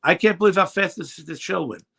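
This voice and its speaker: Over a crowd in the background, a high-pitched, brisk male voice with vocal fry carries a radio chat show. The host is a Brooklyn man in his sixties with a New York accent, chatting casually in a rambling style with many fillers.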